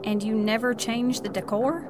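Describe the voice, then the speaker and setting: A woman playing a skeptical motel guest, prim, exasperated and sharp-tongued, in a horror-comedy audio drama. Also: a little high, fairly even intonation, normal speed, natural voice. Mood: uneasy, skeptical. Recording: clear background ambience noise.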